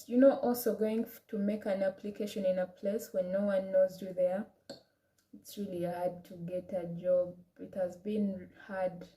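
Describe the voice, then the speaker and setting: A woman's voice: medium pitch, dark tone, roomy sound, low-quality recording. A young woman with an African accent telling a personal story in a casual vlog, chatty, with many restarts and quoted asides. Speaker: vlogger.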